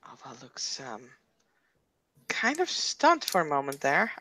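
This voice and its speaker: A woman casually narrating her character in a tabletop game, halting and giggly. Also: low-pitched, huge pitch swings, bright, forceful tone, no echo. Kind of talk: casual third-person role-play narration.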